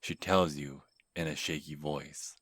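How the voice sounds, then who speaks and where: A man telling a scripted second-person horror story in a calm, measured way. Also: rumbling low, dry recording. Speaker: narrator and channel host.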